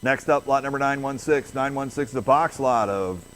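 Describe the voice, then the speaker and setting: A male auctioneer with a medium-pitched voice works the floor in a rhythmic chant. He repeats numbers and bids in rapid rolling runs, stepping out of them to present each lot. Some noise of the live auction room sits behind him. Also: a bit bright. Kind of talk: fast auctioneer chant, calling bids and lots.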